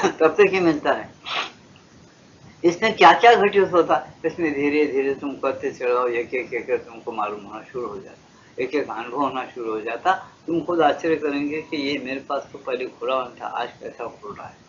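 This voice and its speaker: A man in his seventies from India, a spiritual teacher giving a devotional discourse, asking rhetorical questions and swinging between loud and hushed speech. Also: mid-range voice, slight background noise. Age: 70s. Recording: muffled old lo-fi tape.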